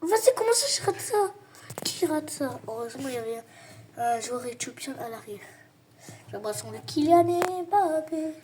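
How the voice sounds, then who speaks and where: A woman's voice: sits high, expressive, a little slow, background noise. A woman doing casual gameplay commentary on a football video game, frustrated and repeating her complaints over and over, now and then slipping into mock play-by-play.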